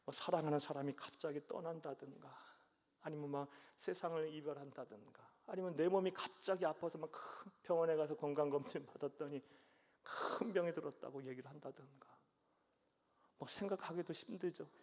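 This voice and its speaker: A man's voice: on the high side, fairly even intonation, fairly quick, a little mellow. A male pastor preaching a sermon, questioning the congregation and often answering himself with a short "yes," in a church sanctuary with long reverb.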